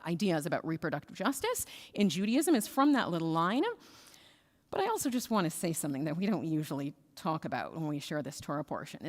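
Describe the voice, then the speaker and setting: A woman rabbi giving a sermon in a synagogue, telling stories in a casual, conversational way. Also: mid-range voice. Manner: conversational storytelling. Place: synagogue sanctuary. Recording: reverberant sanctuary hall.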